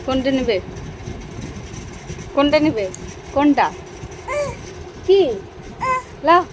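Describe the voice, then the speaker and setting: A woman's voice: high voice, lively intonation, slow, noisy background. A woman talking playfully to a baby in coaxing, sing-song baby talk.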